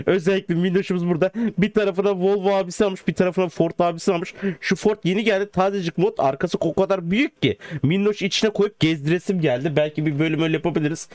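A man casually commenting on a car crash game in playful, slangy banter, often shouting at the cars. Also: a little high, no echo. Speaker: gaming channel host.

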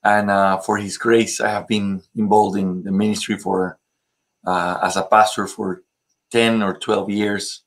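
A man from Ecuador, a native Spanish speaker with an Ecuadorian Spanish accent, speaking as a pastor and guest in an interview, with halting phrasing and frequent fillers. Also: on the low side, flat delivery. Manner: halting, many pauses and fillers. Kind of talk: interview conversation.

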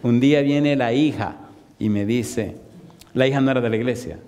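A man preaching in a church hall, telling a story and jumping into higher voices for the people he quotes. His tone is dark and mellow. A long reverb trails behind his words. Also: moderate pace, slight background noise. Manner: animated, acts out quoted voices with rising pitch. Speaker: pastor. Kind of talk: storytelling sermon.

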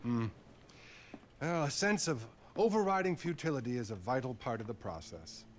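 A calm, dryly detached therapist, voiced by a man. His mid-pitched voice moves with lively inflection. Faint noise sits behind it. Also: moderate pace, natural voice. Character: calm, dry male therapist.

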